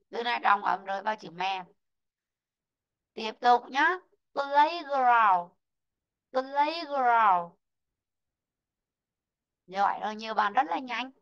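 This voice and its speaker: A woman teaching an online English lesson, slowly modelling word stress and calling out students who answered right. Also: on the high side, a bit bright, muffled recording. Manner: slow, drawn-out model pronunciations of English words; calls out student names and marks answers right.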